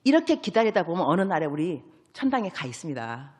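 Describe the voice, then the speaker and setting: A woman missionary preaching an evangelistic sermon, telling Bible stories in a lively way, acting out the dialogue and dropping English words into her talk. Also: on the low side, brisk, breathy edge. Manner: sprinkles English words into speech. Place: large church sanctuary. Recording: long reverb of a church hall.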